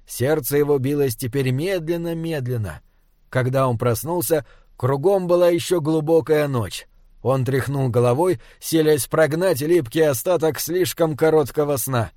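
A man narrating a fantasy audiobook in a steady, even reading style. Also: fairly high pitch, dry recording, studio quality. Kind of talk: scripted narration.

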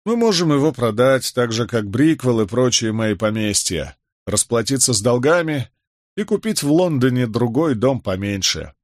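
A man's voice: medium pitch, sing-song, normal speed, no room sound, studio quality, close to an everyday voice. A man voicing a weary, disgraced middle-aged nobleman, with a heavy, sighing delivery in an audiobook reading. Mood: earnest.

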